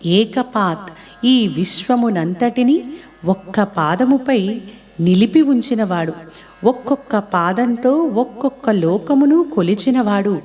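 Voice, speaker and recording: A woman teaching a devotional chant. She recites each sacred name slowly and deliberately, then explains its meaning at a quicker pace. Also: mid-range voice, lively intonation, darkish tone, faint music behind.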